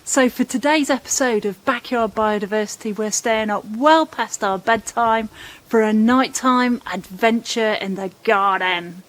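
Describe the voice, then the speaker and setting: A woman presenting scripted nature narration for children in a playful, expressive storytelling way. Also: on the high side, measured pace, poor audio.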